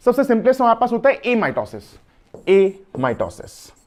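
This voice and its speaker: A man's voice: sits high, lively intonation, fairly quick, darkish tone, slight background noise. A man with an Indian accent teaching biology in an online exam-prep lecture, chatty, mixing Hindi with English and asking his students questions.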